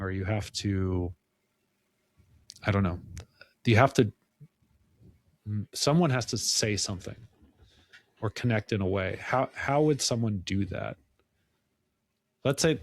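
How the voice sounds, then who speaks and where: A gravelly man with a lowish voice hosts a podcast and asks halting, probing questions. His voice is dry and close to the mic. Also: dry recording. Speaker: podcast host. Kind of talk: casual podcast interview.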